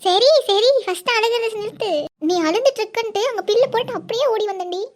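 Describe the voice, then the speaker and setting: A woman voicing a young village woman in a cartoon who teases and talks softly. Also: extremely high pitch, quick pace, very noisy. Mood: coaxing. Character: young village woman, teasing then guilt-ridden. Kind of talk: cartoon voice acting.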